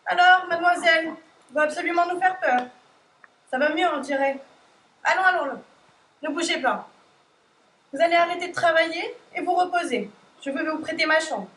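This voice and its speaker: A woman's voice: very high voice, normal speed, pauses often, fairly bright tone. A teen girl playing a soothing motherly woman. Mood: gentle. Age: teens. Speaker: high school stage actor. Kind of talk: school stage play. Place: school stage. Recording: echoey hall from far off, faint noise.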